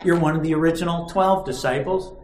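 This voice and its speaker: A man's voice: fairly high pitch, brisk, a little mellow. A man preaching a sermon, telling stories dramatically and acting out quoted lines. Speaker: pastor. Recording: roomy echo.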